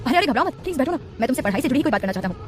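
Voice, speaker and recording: A woman's voice: sits high, very animated, rapid-fire, faint music behind. A woman voicing a polite, eager teenage schoolboy.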